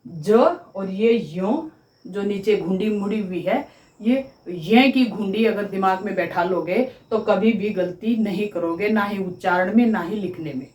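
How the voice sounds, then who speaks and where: A woman teaching grammar in a slow, deliberate way. She repeats each sound for pronunciation and checks with her students that they follow. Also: mid-range voice, a little mellow, roomy sound, rough recording. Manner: addresses viewers as students, checking understanding. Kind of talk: classroom-style explanation at a board.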